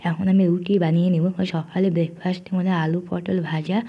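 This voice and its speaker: Hoarse woman chatting through a home cooking vlog. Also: lowish voice, level tone, fast, muffled recording. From India. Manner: homely chatty talk to friends, frequent fillers. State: hoarse after a cough. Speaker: cooking vlogger.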